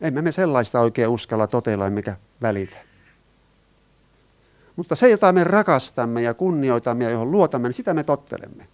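A man's voice: mid-range voice, expressive, darkish tone. A man preaching a sermon. He talks in an earnest way, asks his listeners questions and explains Greek words.

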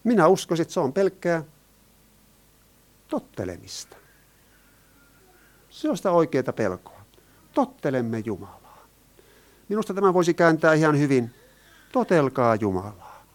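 A man's voice: fairly high pitch, very animated, long pauses. A man preaching a sermon. He talks in an earnest way, asks his listeners questions and explains Greek words.

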